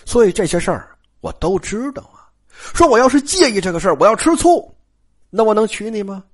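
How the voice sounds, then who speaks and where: Brash scheming young nobleman, blunt and bold, as a storyteller plays him, lively rising and falling pitch. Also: a little fast. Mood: reassuring.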